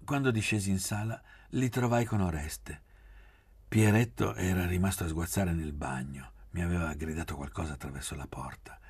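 Deep, very husky male narrator. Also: normal speed, darkish tone. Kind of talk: audiobook reading of a novel.

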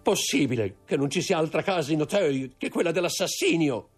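A frightened Corsican steward, his voice pushed high above the reader's own and swinging wildly as he pleads. The sound stays husky and gravelly underneath. A man performs him in an audiobook reading. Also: expressive, normal speed, darkish tone, soft background music. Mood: anguished. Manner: pleading, panicked outbursts. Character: terrified middle-aged male Corsican steward. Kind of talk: audiobook character voice.

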